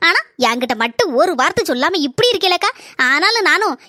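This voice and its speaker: A woman's voice: very high-pitched, big pitch swings, fairly quick, pushed and bright, dry recording, studio quality, heavily acted. A woman voicing a sulky neighbour woman in a cartoon, complaining in Kanyakumari Tamil. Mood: hurt. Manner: whiny, reproachful.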